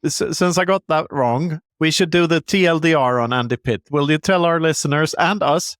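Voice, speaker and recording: A man's voice: a little high, moderate pace, fairly bright tone, clear, resonant tone, dry recording, clean studio sound. A man hosting a podcast interview, asking stumbling, hesitant questions. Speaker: podcast host.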